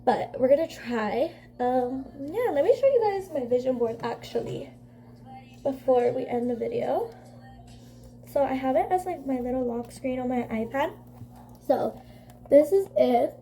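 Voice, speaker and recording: A woman's voice: high-pitched, lively intonation, unhurried, warm tone. A young woman with a stuffy, congested voice chatting casually through a makeup vlog, rambling with constant fillers. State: congested from a cold. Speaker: beauty vlogger.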